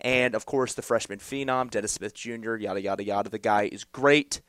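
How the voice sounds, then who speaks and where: A young man co-hosting a college sports talk show, rambling and animated in his takes. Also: lowish voice, a little fast, dry recording, clean studio sound. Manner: rambling, animated, with fillers and restarts. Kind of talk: college sports podcast chat.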